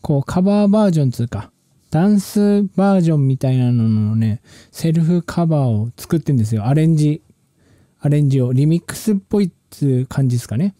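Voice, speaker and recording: Mellow, relaxed man, dry close sound. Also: fairly high pitch, fairly quick, dry recording. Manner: relaxed, rambling, slangy speech with many restarts. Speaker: musician and channel host. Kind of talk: casual talk about music production.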